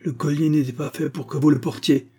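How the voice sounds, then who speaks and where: A self-righteous elderly spinster, as a male audiobook reader puts her on, accuses and hectors in a raised, strained voice. Beneath it sits the reader's dark, slightly husky tone. It is storybook reading, not a full performance. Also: on the high side, fairly even intonation, fairly quick, pitched above the performer's own voice. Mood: accusing. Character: sour, self-righteous elderly spinster woman, imperious and shrill.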